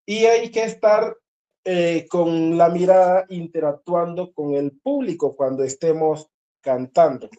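A singing teacher with a dark, medium-pitched voice leads a group voice lesson at an unhurried pace. She explains patiently, repeats key points, and checks in with the listeners.

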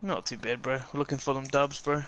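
A man's voice: medium pitch, fairly even intonation, brisk, fairly bright tone, faint music behind. A man with a broad New Zealand accent, chatting casually and upbeat in slang as he streams a game. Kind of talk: casual gaming chat. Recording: noisy gaming headset chat.

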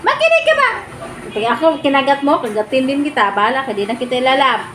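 A young woman chatting to her pet in teasing, sing-song baby talk that jumps up high when she coaxes it. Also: fast. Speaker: pet vlogger. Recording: loud background noise.

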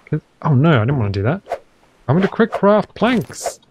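A man with a smooth English accent giving chatty, playful let's play commentary as a gaming channel host, with self-mocking asides. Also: on the high side, big pitch swings, moderate pace, noisy background.

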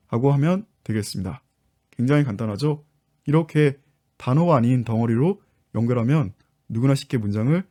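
A man leads an online English lesson and takes his viewers patiently through each step. His voice is mellow and relaxed, and his pitch sits in the middle range. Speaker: English teacher and book author.

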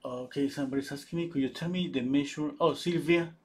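A man's voice: a little high, steady tone, fast, a little mellow. A man hosting a live oil-painting stream. He thinks aloud while he paints, answers viewers' chat, and often restarts his sentences. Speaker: painting livestream host.

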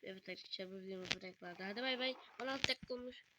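A woman's voice: medium pitch, very fast, very noisy. Joking, foul-mouthed young woman gamer. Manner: joking, swears freely, chatty with a friend. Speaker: gaming video host. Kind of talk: casual gameplay commentary.

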